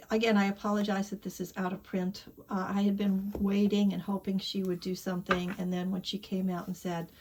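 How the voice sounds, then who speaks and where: A woman vlogging about tarot in casual chat, candid and rambling, trailing off into soft asides. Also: medium pitch, a little hiss or hum.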